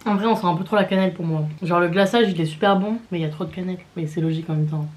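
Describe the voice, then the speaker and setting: A woman's voice: fairly low pitch, steady tone, rapid-fire, darkish tone. A French woman in her twenties chatting casually in a vlog while eating, often with her mouth full. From France, Paris region. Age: 20s. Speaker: vlogger. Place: home in London.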